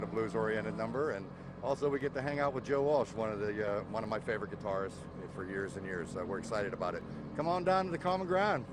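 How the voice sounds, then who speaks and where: A man who plays in a rock band, speaking eagerly about the show in a live TV interview. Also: medium pitch. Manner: fast, eager. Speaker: band member. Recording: loud traffic noise outdoors.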